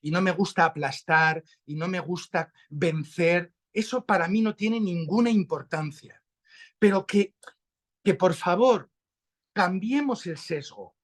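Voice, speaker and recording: A man with an accent from Spain, explaining a Bible passage slowly and thoughtfully in a conversation over a video call. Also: high voice. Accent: Spanish from Spain. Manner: slow, reflective, animated rises when stressing a point. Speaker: guest speaker. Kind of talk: conversational religious teaching.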